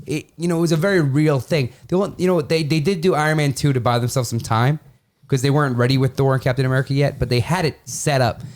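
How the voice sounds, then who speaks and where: Man, casual podcast chat, fast, animated storytelling. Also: mid-range voice. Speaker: podcast panelist.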